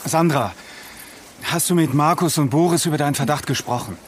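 An actor playing a defensive, irritable husband who talks gruffly in a TV drama. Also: male voice, on the high side, brisk, slight background noise, lightly acted. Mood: exasperated. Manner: gruff, exasperated. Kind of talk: TV drama acting. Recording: music under the scene.

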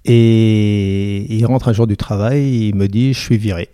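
Deep, mellow-voiced middle-aged man. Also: steady tone, smooth, no echo. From France. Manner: measured, dry-humored storyteller. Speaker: company CEO, podcast guest. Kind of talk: casual interview storytelling.

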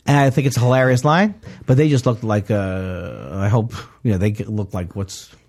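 A man talking casually as a guest, rambling with many restarts and halting phrases. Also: fairly low pitch, darkish tone. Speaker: comedian guest. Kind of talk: casual podcast conversation.

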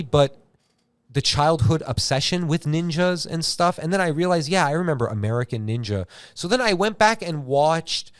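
An Iranian man hosts a casual YouTube chat show, telling stories in an animated, rambling, slangy way, swearing freely and saying "like" often. His voice is on the high side with a clean tone, in a dry recording with clean studio sound.

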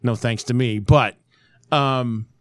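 A man co-hosting a casual sports podcast, rambling with many restarts and pauses to recall names. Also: medium pitch, steady tone, no echo, clean studio sound. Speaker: podcast co-host.

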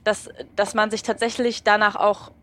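A woman's voice: medium pitch, flat delivery, moderate pace, fairly bright tone. A woman from Berlin hosting a podcast, chatting casually on a train and affirming her guest often. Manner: talkative, chatty, lots of affirming "ja". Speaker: podcast host. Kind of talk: casual conversation.

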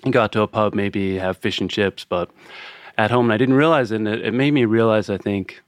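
A man's voice: lowish voice, a little fast, no room sound. A man from Northern Ireland, a guest on a podcast, telling stories in an easygoing, casual way. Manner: easygoing storyteller, many fillers. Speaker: guest, beverage director. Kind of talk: casual interview chat.

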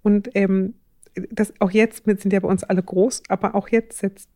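Dark-voiced middle-aged woman talking thoughtfully. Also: medium pitch, flat delivery, normal speed, dry recording, studio quality. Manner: thoughtful, hesitant with frequent fillers. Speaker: parenting advisor. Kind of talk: casual podcast conversation.

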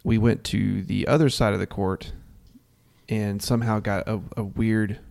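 A man co-hosting a sports podcast, chatting casually and breaking into animated, mocking jokes. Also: a little slow, creaky. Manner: animated, mocking, jumps high when joking. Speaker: podcast co-host.

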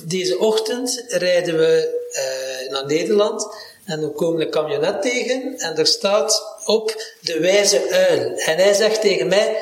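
A man's voice: high voice, lively intonation, unhurried. A man hosting a podcast, asking playful, teasing questions in casual conversation. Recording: roomy echo.

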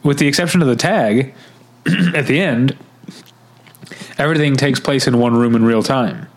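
Male podcast co-host, mid-pitched, easy conversational delivery. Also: normal speed. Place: new home room with bare walls.

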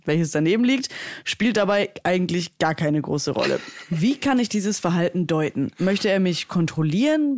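A woman's voice: medium pitch, darkish tone, no room sound. A woman on a podcast who teases and jokes in casual chat and reads listener mail aloud. The sound is dry and close, with no room around her.

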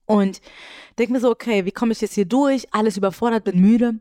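A woman co-hosting a casual podcast, telling a lively anecdote and acting out the people in it. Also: medium pitch, a little fast, no echo, studio quality. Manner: animated anecdote telling, acts out quoted voices. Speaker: podcast co-host. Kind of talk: casual podcast chat, storytelling.

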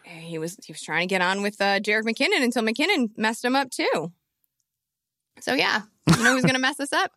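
A woman's voice: a little high, expressive, brisk, sharp tone, no room sound, studio quality. A woman co-hosting a sports podcast in a playful, joking manner. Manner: playful, joking, laughs easily. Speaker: podcast co-host. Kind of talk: casual chat.

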